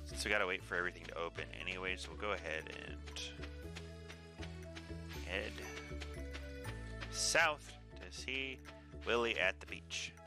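A man's voice: deep voice, a little slow, long pauses. A man in his thirties giving casual, joking game commentary, rambling along to himself. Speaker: gaming video host. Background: game music.

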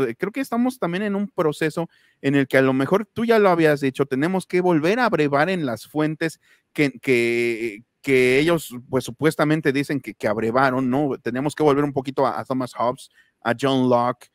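A man with a Mexican accent giving political commentary on a panel show, speaking in a halting way with frequent restarts and repeated words. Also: medium pitch, no echo, studio quality. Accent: Mexican Spanish.

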